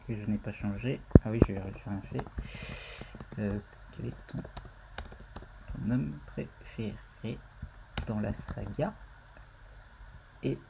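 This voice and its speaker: A man's voice: on the low side, slow, creaky, long pauses, lo-fi sound, heavy background noise. A man streaming a casual live-coding tutorial, thinking aloud and talking to viewers in the chat.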